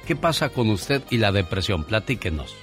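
Emphatic radio co-host, deep. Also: male voice, big pitch swings, moderate pace, faint music behind. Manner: emphatic, lists points in a row. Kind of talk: radio talk show chat.

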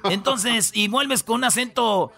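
A man's voice: high voice, a little slow, vocal fry, sharp tone. A man with a Mexican accent hosting a comedic news countdown, joking in slangy banter. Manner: joking, slangy banter, drops "güey" often. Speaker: radio show host.

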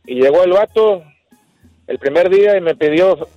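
A man's voice: high-pitched, moderate pace, no echo. A man with a Mexican accent casually telling a story as a caller on a radio show. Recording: dull lo-fi call-in line, music behind. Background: music.

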